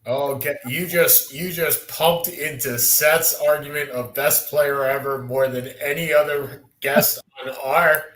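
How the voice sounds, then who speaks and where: A man hosting a sports podcast, chatting quickly and casually. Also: on the high side, fairly even intonation, fairly bright tone. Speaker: podcast host. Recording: echoey room, faint noise.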